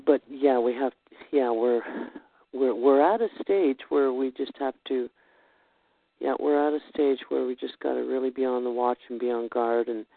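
A man chatting casually and earnestly, in a halting, thoughtful way. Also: mid-range voice, vocal fry, no echo. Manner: halting, earnest, says "eh" and "you know". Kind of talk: casual heartfelt chat about faith. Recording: tinny phone-line sound.

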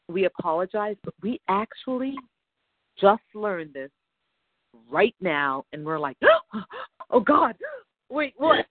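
This caller is a woman with a medium-pitched voice looking for advice over the phone. She talks anxiously and at rambling length, and the line is tinny and dry with no echo.

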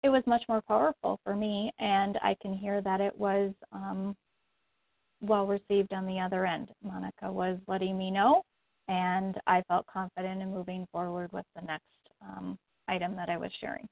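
Woman on a coaching call, gravelly flat voice, lots of ums, tinny phone sound. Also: mid-range voice, normal speed, no room sound. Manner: hesitant, many ums. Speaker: coaching student.

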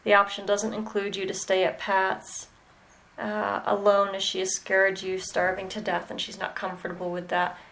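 A woman mentoring a student in animal communication, talking slowly and hesitantly with many pauses and "okay"s. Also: mid-range voice, monotone, a bit bright, poor audio. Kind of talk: mentoring session.

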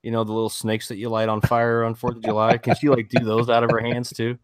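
A man co-hosting a podcast in casual chat, laid-back and quick to laugh. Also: mid-range voice, completely flat delivery, no room sound, studio quality. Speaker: podcast co-host.

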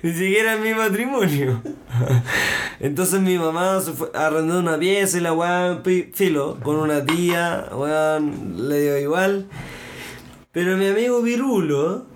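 A man's voice: on the high side, a little slow, a little hiss or hum. A drunk Chilean man rambling through a story in casual podcast chat. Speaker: podcast co-host.

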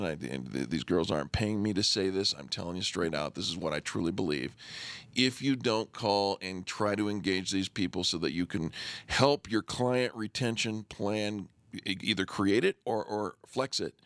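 A man hosting a talk radio interview, animated and jokey, often repeating words as he goes. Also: fairly low pitch, dry recording. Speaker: radio show host.

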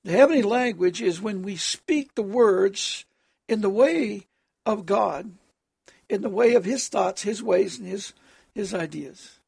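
A preacher with a harsh, hoarse voice, speaking haltingly in an extemporaneous sermon addressed as prayer, often clearing the throat. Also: mid-range voice, a little mellow, no echo.

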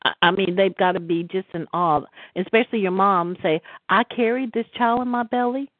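A woman's voice: mid-range voice, moderate pace, no room sound. A middle-aged woman on a church prayer call, speaking earnestly with stammered restarts, heard over the phone. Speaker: caller on a prayer line. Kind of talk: spoken encouragement in a church call. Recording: tinny dry phone line.

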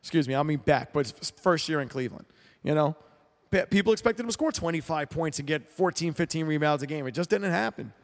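A man's voice: fairly high pitch, lively intonation, fast talker, long reverb tail. A man hosting a sports talk show, giving a blunt, opinionated monologue full of restarts and repeated words.

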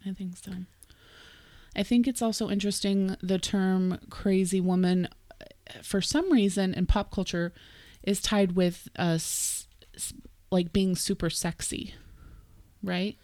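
A woman's voice: mid-range voice, steady tone, a little slow, darkish tone, no echo. A woman co-hosting a podcast in casual chat, thinking aloud with fillers. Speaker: podcast co-host.

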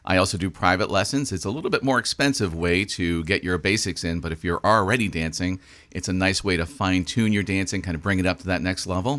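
Very low-voiced ballroom dance teacher. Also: male voice, fast, a bit bright. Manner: smooth, practiced voice-over delivery with dry jokes. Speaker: ballroom dance instructor, radio guest. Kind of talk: radio interview. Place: radio studio.

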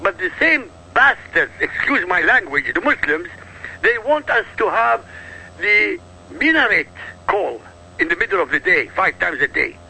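A man's voice: high-pitched, very animated, unhurried, pushed and bright, slight background noise, low-quality recording. A man from Iraq giving emphatic, insistent political commentary as a talk show guest, driving his points home with rhetorical questions.

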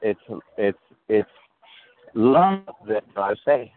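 A man's voice: fairly low pitch, big pitch swings, extremely slow. A male pastor preaching a sermon over a call, checking in with his listeners and restarting phrases as he goes. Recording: tinny call line that breaks up.

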